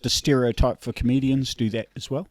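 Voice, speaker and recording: Middle-aged man, broad kiwi accent, laid-back podcast chat, dry close recording, mid-pitched voice. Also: level tone, brisk, no room sound. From New Zealand. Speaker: podcast co-host. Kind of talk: casual chat.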